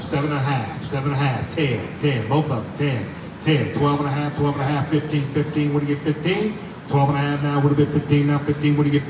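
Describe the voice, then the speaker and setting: A man working as an auctioneer, calling bids in a repetitive sing-song chant. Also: a little high. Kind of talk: live auctioneer chant, rattled-off repeated bids. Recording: roomy, distant, noisy live auction recording.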